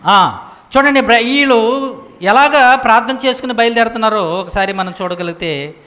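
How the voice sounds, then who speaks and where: A man preaching a sermon with emphatic rhetorical questions, swinging from loud to hushed. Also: extremely high pitch. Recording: echoey hall reverb.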